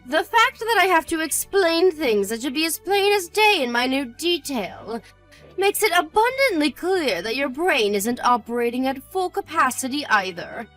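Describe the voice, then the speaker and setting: A woman's voice: sits high, big pitch swings, normal speed, fairly bright tone, soft background music, poor audio. A woman playing a haughty, cruel older mother-in-law in a scripted audio drama, indignant, hurt and angry as she scolds. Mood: contemptuous.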